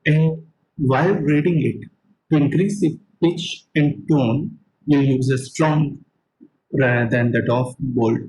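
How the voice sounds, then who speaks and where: A man's voice: medium pitch, slow pace, darkish tone, slight background noise, poor audio. A man teaching an online class, explaining points step by step and repeating them, with frequent fillers. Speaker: lecturer.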